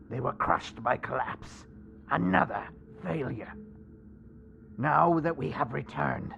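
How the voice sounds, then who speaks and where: A man voicing a zealous kobold cult preacher in a tabletop game, creaky and solemn, preaching slowly and theatrically to his acolytes. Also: on the high side, fairly bright tone, highs cut off, slight background noise, heavily acted. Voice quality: creaky, gravelly. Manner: solemn, slow, theatrical sermon delivery. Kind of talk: in-character tabletop game monologue.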